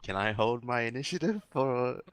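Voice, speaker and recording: A man's voice: medium pitch, animated, moderate pace, clean tone, dry recording. A man playing in a tabletop game, asking hesitant, rambling questions full of fillers. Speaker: player.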